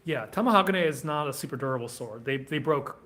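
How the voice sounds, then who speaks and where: A man's voice: medium pitch, expressive, fast, fairly bright tone. A man co-hosting a sword shop live stream, reading viewer comments aloud in a casual way.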